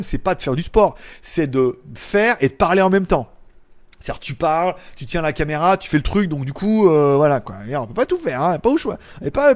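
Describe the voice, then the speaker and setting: A man chatting casually on a live stream, reading viewers' comments and joking, loud one moment and mumbling the next. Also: high-pitched. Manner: loud, jokey, trails off into mumbles and chuckles. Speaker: tech YouTuber hosting a live stream. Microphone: small clip-on mic.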